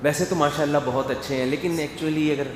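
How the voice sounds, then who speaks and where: Animated male preacher in echoey hall. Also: a little high, a little hiss or hum. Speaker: Islamic scholar giving a talk. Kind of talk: lively religious lecture. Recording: echoey hall with long reverb, faint ambience.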